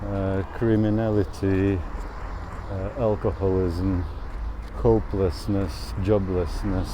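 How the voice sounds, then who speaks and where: Slow, reflective man speaking outdoors. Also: deep voice, little pitch movement, background noise. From Latvia. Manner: slow, thoughtful, laughs often while talking. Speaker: travel vlogger. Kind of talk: reflective personal monologue. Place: outdoors in a town.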